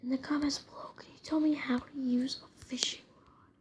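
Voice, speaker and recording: A woman whispering casual game commentary from bed, with excitable outbursts. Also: high voice, brisk, a little hiss or hum. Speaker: gameplay commentator. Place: in bed at home at night.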